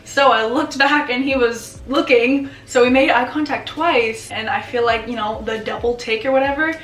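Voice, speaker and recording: A woman's voice: fairly high pitch, normal speed, a bit bright, slight background noise. A young woman chatting casually in a vlog, informal and emphatic. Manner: informal, frequent "like" and emphatic words. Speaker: lifestyle and running vlogger.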